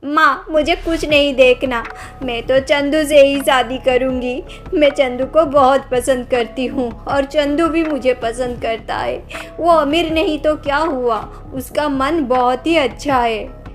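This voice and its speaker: A tearful young daughter from a cartoon story who will not give in. She pleads stubbornly at a slow pace, in a fairly high voice. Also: faint music behind. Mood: defiant. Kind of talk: Hindi cartoon story voice acting.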